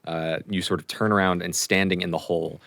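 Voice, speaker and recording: A man's voice: low-pitched, steady tone, fairly quick, a bit bright, slight background noise. A man narrating a tabletop game as game master in a casual, filler-heavy way.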